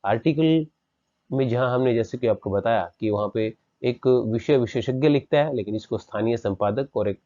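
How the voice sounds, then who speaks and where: Male lecturer, mellow voice, patient explainer, muffled lo-fi sound. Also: medium pitch. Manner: explanatory, measured. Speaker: teacher. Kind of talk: online lecture. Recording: dull lo-fi recording.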